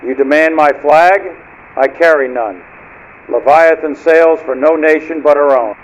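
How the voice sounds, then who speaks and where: An actor playing a cold, menacing male rogue submarine commander who speaks in a measured, declamatory way over marine radio. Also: a little high, highs cut off.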